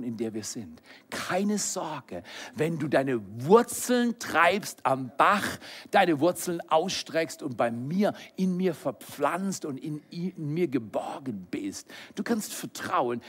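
A middle-aged man preaching a sermon, lively and animated, swinging between loud exclamations and soft whispered lines. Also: mid-range voice, husky. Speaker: pastor.

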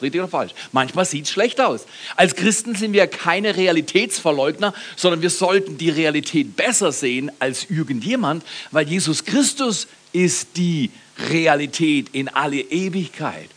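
Ein Mann mittleren Alters, der als Pastor lebhaft predigt, der Gemeinde Fragen stellt und über eigene Scherze lacht. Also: male voice, on the high side. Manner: lively preaching, asks the congregation questions, laughs at own jokes. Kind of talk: sermon.

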